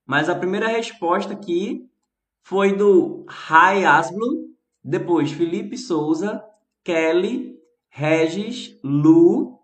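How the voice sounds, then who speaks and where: A man teaching English on a live phone stream, reading English lines slowly and chatting in between with viewers. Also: a little high, reverberant. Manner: slow careful English reading, chatty Portuguese asides.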